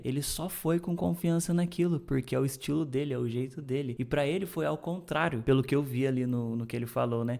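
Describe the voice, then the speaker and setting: A man's voice: mid-range voice, dark tone. A man with a Brazilian accent hosting a language-learning video, explaining casually and emphatically in slang, straight to the viewer. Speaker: language coach and video host.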